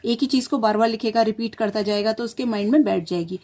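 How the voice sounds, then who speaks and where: A woman's voice: on the high side, fast, dark tone. A woman hosting a tutorial channel, patiently explaining to parents how to teach children spelling, sounding out words letter by letter.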